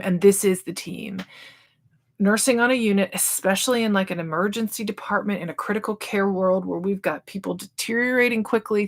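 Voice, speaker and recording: A woman in her thirties, a nurse educator, giving casual advice in a chatty way, full of fillers and acting out people's inner thoughts. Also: medium pitch. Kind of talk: casual advice talk to camera.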